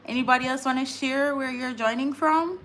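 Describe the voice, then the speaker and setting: Lady in her 30s chatting on a laptop livestream, bright voice, faint noise behind. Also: high voice, brisk. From Jamaica. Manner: chatty, laughs often, repeats words. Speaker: livestream host. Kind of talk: casual live-stream chat.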